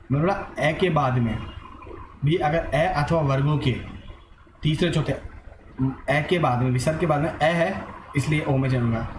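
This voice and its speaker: Guy teaching a grammar class, kinda high voice, echoey noisy room, keeps asking then answering himself. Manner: repetitive, asks and answers his own questions; mixes English words into his talk. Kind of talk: online grammar lesson.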